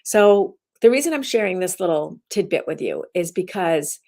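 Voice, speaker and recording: A woman's voice: fairly low pitch, expressive, moderate pace, dark tone. A woman instructor giving her daily message as rambling casual talk, often restarting her sentences. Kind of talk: casual self-recorded talk.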